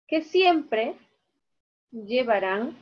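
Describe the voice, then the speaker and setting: Woman teacher, slow and repetitive, husky, muffled video-call sound. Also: on the high side, expressive. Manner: slow, repeats key words, syllable-by-syllable. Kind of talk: online class lesson. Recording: dull video-call audio.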